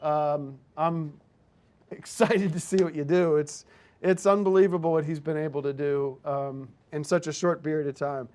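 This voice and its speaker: A man's voice: a little high, steady tone, moderate pace, a little mellow. A man hosting a comedic show, pushy and interrupting as he gives direction. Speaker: host.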